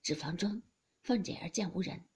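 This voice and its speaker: Breathy woman narrating a classic novel. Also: medium pitch, moderate pace. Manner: expressive storytelling. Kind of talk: audiobook reading of a classical novel.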